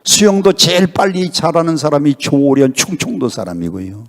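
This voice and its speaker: Preaching a revival sermon as a visiting pastor, this older Honam man speaks at normal speed in a fairly high, very animated voice, pressing the congregation with emphatic questions. His words ring with the long reverb of the church sanctuary.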